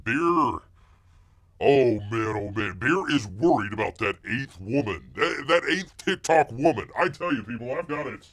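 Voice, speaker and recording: A man with a medium-pitched, slightly bright voice performs a comic monologue, unhurried and expressive. He plays a bumbling, blustery bear who fancies himself a veteran of the woods, rambling and stammering, referring to himself in the third person and repeatedly calling out to people.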